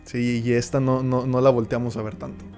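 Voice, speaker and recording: Man, Bible study teacher, mid-pitched voice, reads and explains verses, faint background music. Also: level tone, brisk, a little mellow. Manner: reads verses aloud, then explains them, often checking in with the listener.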